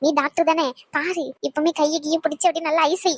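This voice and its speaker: A woman voicing a cheeky young woman in a cartoon who teases her friends in quick chatter. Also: sits high, flat delivery, lightly acted. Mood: teasing.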